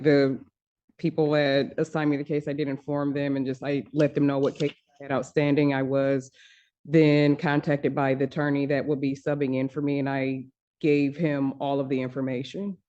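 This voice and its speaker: A woman's voice: deep voice, little pitch movement, normal speed, dark tone, highs cut off. A woman attorney answering a judge in a courtroom recording, speaking hesitantly and often filling gaps with "like". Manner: hesitant, uses fillers like "like". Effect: courtroom audio recording.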